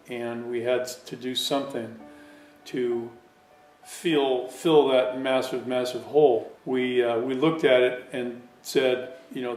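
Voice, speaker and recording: A man who founded a foundation, speaking in a measured, deliberate way in a documentary interview. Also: mid-range voice, a little mellow. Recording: echoey, distant mic. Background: faint music.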